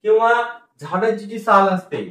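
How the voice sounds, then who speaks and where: A man's voice: high-pitched, moderate pace, fairly bright tone. A man teaching a phonics lesson, sounding out words syllable by syllable, repeating them and answering his own questions. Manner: asks the class questions and answers them himself. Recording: roomy echo, mic far off.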